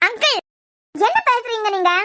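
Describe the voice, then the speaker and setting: A woman's voice: very high-pitched, lively intonation, normal speed, sharp tone, no echo, clean studio sound, voice pushed up, heavily acted. A woman voicing an alarmed young woman in a cartoon series, urgent and protesting, with a Kanyakumari Tamil accent. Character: anxious young woman, the son's bride-to-be. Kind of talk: cartoon web series voice acting.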